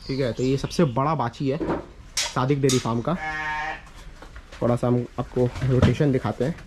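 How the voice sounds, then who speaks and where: With a mellow, medium-pitched voice, a young man from India explains things to his viewers in a repetitive, instructive manner during a casual walking vlog. He gives directions through village lanes and tours a cattle shed. The footage comes from a handheld camera at arm's length, noisy and full of outdoor ambient sound.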